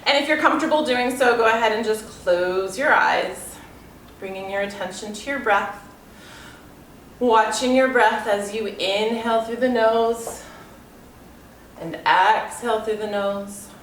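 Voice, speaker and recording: A woman leads a guided yoga class indoors, in a room with a yoga mat, giving calm, unhurried instruction with soft trailing phrases; her fairly high voice is slightly nasal from congestion. A far-off camera mic picks her up, so the room sounds echoey with a faint ambient hiss.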